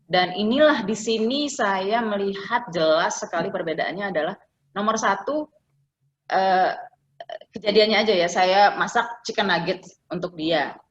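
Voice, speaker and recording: A woman's voice: medium pitch, moderate pace. A woman in her forties telling a personal family story in an interview, often acting out the voices of the people she quotes. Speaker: guest sharing caregiving experience. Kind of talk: conversational interview. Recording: slightly dull, lo-fi call audio.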